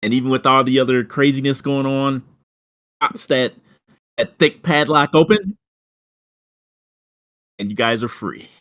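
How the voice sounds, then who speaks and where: A man narrating as game master of a tabletop game, halting with many fillers and restarts. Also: mid-range voice, fairly bright tone.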